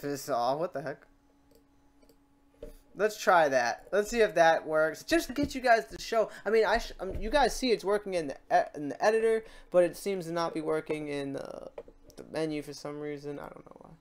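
Talking over a screen recording at normal speed, a tutorial host with a middle-pitched voice goes through the software step by step, thinking aloud casually and rambling slightly without a script.

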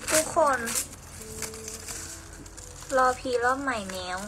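A woman's voice: sits high, lively intonation, very slow, over music. A young woman chatting casually on a live stream, reading out viewer comments while packing orders, playful and talkative.

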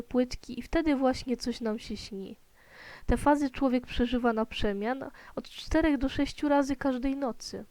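A woman voicing a kind, patient mother in a children's storybook, explaining things gently to her son. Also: a little high, dry recording, lightly acted.

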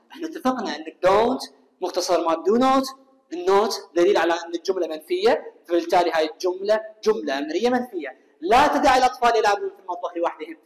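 A high-pitched man with an Iraqi Arabic accent teaches an English lesson in a recorded class. He poses questions to students and answers them himself, reading English example sentences slowly and carefully. The room is echoey with long reverb.

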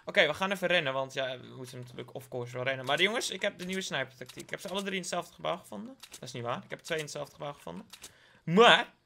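A man's voice: fairly high pitch, lively intonation, fast talker, creaky, pushed and bright. A young man from the Netherlands with a Dutch accent, giving playful live gameplay commentary, joking with his viewers and dropping English slang. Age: young adult. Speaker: gaming YouTuber.

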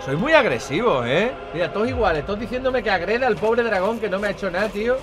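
A man's voice: high voice, expressive, fast talker. A young man with a Spain Spanish accent giving rambling, casual gameplay commentary, swearing often and talking to his viewers. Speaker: gaming channel host. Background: game music.

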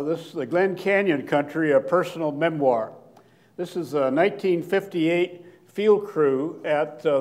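An older man, a guest lecturer and archaeologist, gives a slide lecture from the lectern of a hall with a seated audience, speaking into a podium microphone. His voice is loud and on the high side, plain-spoken but halting, full of fillers and restarts.

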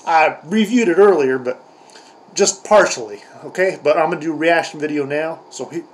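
A man's voice: fairly high pitch, normal speed, rough recording. An older man hosting a comedic reaction video, grumbling and mocking in a crude, profane way. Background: heavy metal music playing.

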